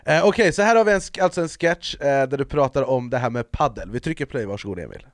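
A man hosting a casual podcast, chatty and filling pauses with hesitations. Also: medium pitch, lively intonation, dry recording, studio quality. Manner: chatty, lots of hesitation sounds. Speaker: podcast host.

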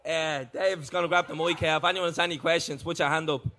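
A man with an Irish accent and a fairly high voice. He co-hosts a live show in a casual, joking way, bantering with the audience. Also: fairly even intonation, quick pace, bright, forceful tone. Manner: jokey. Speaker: podcast co-host. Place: live podcast show at a festival.

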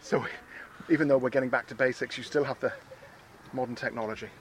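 A man's voice: mid-range voice, steady tone, fast. An Irish-accented man doing casual interviews on location as a roving radio reporter. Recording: faint outdoor background noise.

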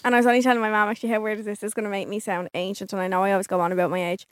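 A woman's voice: medium pitch, little pitch movement, very fast, smooth, no echo, clean studio sound. A woman in her twenties with a Dublin Irish accent, co-hosting a podcast in casual, giggly chat and swearing freely. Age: 20s. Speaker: podcast co-host.

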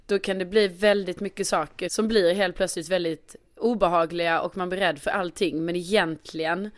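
Woman in quick casual chat. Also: on the low side, steady tone, no echo.

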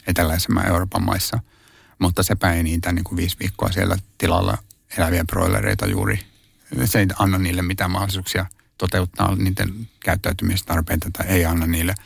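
A low-voiced man with a heavily gravelly, husky tone talks through his work as an activist. He hesitates, restarts and fills gaps with soft sounds. The sound is dry and close. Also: no room sound. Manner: thoughtful, hesitant, many fillers and restarts. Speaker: animal rights activist. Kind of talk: conversational interview answers.

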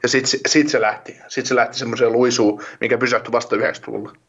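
A man's voice: medium pitch, little pitch movement, fairly bright tone, slightly rough, muffled recording. A man talking hockey in a casual podcast chat, rambling with many restarts and fillers.

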